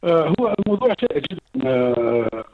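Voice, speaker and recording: A man with a Tunisian Arabic accent, calling in as an expert guest, explaining in a measured way with drawn-out hesitations while his phone audio keeps cutting out in choppy glitches. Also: a little high, very animated, gravelly, dry recording. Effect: choppy, breaking-up phone audio. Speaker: expert guest on a radio show. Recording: tinny, glitchy phone line.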